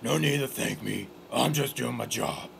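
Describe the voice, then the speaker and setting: A man doing a gravelly brooding masked vigilante. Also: mid-range voice, moderate pace, noisy background. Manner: gruff, blunt, boastful.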